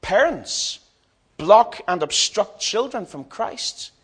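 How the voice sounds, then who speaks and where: A man's voice: sits high, very animated, takes it slowly, a bit bright, slightly rough. A man preaching a sermon in a dramatic, emphatic way, repeating phrases for stress and speaking to his listeners directly.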